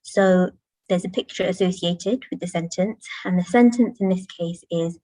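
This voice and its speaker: A woman teacher with a fairly low, warm voice speaks at normal speed in a presentation to parents inside a school. She explains things patiently and demonstrates classroom chants, heard through a dry, low-quality recording.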